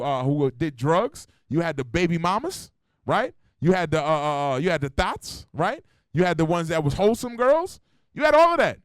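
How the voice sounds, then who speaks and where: A man's voice: high voice, smooth, no room sound. A male preacher delivering a blunt, slangy sermon, swearing and throwing rhetorical questions at his congregation. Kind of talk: street-style sermon. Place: church meeting hall.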